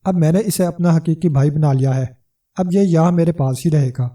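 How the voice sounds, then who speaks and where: A man's voice: on the high side, dark tone, distant mic, lightly acted. A man voicing a huge, domineering wife who snarls and bosses her husband, in a storybook reading. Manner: bossy and snarling.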